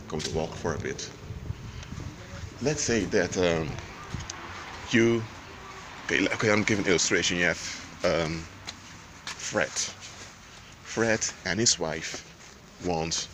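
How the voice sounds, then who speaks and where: Teaching on faith in a monologue, the man speaks in a low, emphatic, loud voice that keeps breaking off and restarting. His words ring with long reverberation while traffic plainly hums behind.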